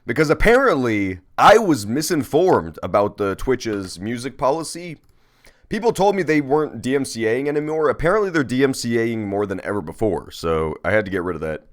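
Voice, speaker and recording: A man's voice: medium pitch, sing-song, brisk. A man streaming a game and chatting casually with viewers, playful, rambling and sweary. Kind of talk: casual live-stream chat with gameplay commentary.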